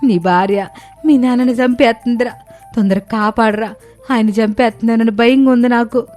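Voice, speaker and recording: A woman voicing a scheming, loud, accusing middle-aged village mother-in-law. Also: on the high side, steady tone, moderate pace, soft background music, close to an everyday voice.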